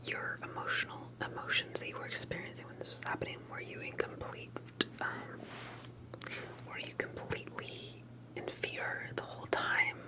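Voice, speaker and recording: This is an ASMR interview roleplay in which a woman never rises above a breathy whisper, posing gentle questions hesitantly and pausing often, on a poor-quality recording.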